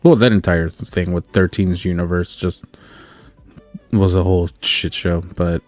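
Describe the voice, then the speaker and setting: A man's voice: sits low, fairly even intonation, moderate pace, soft background music. A man co-hosting a podcast, chatting casually about video games in a rambling way with many fillers and restarts. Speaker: podcast co-host.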